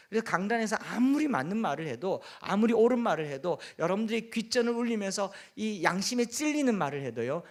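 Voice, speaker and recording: Earnest Gyeongsang-accented pastor preaching. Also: male voice, high voice. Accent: Gyeongsang Korean. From Gyeongsang region, South Korea. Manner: earnest preaching with humorous asides. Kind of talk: sermon.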